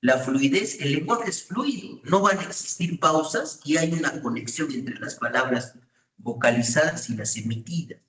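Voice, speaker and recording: A man's voice: fairly high pitch, lively intonation, normal speed, fairly bright tone, far from the mic. A man giving a university lecture, often checking in with students with short questions. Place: classroom. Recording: echoey room, voice off-mic.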